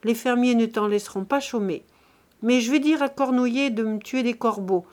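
A stingy old miser barks curt orders, as a woman reads him aloud in an audiobook. His tone stays gruff and dismissive, pitched fairly high and pushed louder than the narration. It is a plain, lightly acted storybook voice. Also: normal speed, lightly acted. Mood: stern.

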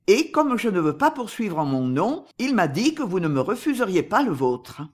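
A narrator voicing a disguised male swindler, calm and commanding, in an audiobook with a husky voice. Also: medium pitch, normal speed. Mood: smooth. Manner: calm, commanding, coolly persuasive. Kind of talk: audiobook character reading.

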